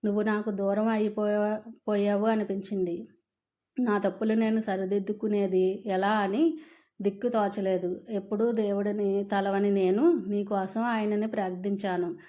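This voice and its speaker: A woman's voice: mid-range voice, level tone, normal speed, warm tone, natural voice. A woman reading the part of a remorseful older husband begging his wife's forgiveness in a storybook tale. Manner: contrite, pleading.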